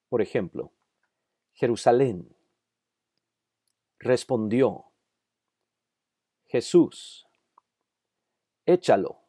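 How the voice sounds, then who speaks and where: A man's voice: medium pitch, dark tone, no room sound, clean studio sound. A man narrating a scripted grammar lesson for Bible institute students, carefully over-articulating each example word.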